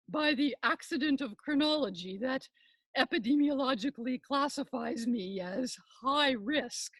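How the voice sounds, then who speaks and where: An older woman plays a pompous professor hosting a podcast in a scripted comic monologue, her academic delivery florid and deliberate. Her voice is high, with no echo.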